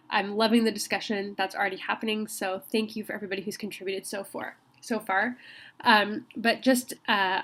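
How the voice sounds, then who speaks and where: A college instructor with a slight cold guides her students through a recorded lecture in a friendly, conversational manner. She pauses on ums a lot and restarts sentences, her medium-pitched voice a bit bright.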